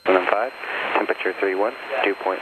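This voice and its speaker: A man's voice: deep voice, fairly even intonation, fairly quick. A man's voice on an airport weather broadcast over a cockpit radio, steadily reciting numbers as a recorded information loop. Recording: loud engine noise in a small plane cabin.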